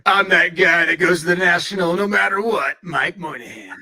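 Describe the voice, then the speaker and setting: Practical male co-host, mid pitch, bright and tense. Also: vocal fry. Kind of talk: casual chat.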